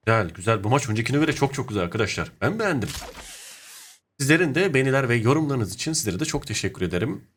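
A young man narrating his own mobile shooter match in casual commentary, muttering to himself and then breaking into sudden excited shouts. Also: mid-range voice, fast talker, a little hiss or hum. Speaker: gaming YouTuber. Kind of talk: live gameplay commentary.

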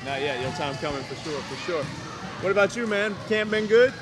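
A young adult TV sports reporter with a high-sitting, expressive voice talks a little fast, interviewing kids in a large indoor gym with a handheld mic. He's upbeat and encouraging, repeating short affirmations as balls bounce noisily around him.

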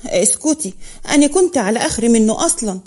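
Woman reading apologetic student, fretful, mellow tone. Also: a little high, animated, quick pace, husky. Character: embarrassed, upset young woman student.

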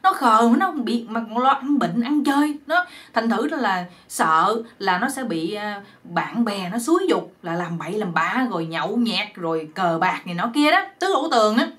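A woman's voice: medium pitch, lively intonation, normal speed, fairly bright tone, natural voice. A woman with a Southern Vietnamese accent voicing a doting old village mother who fusses and complains. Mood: fussing. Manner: fussing, exasperated.

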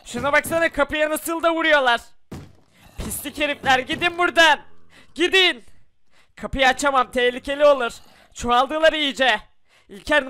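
Man voicing a high, bright, panicky survivor. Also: a little hiss or hum. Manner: anxious, scolding, repeats the other's name. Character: panicky young man trapped with zombies outside.

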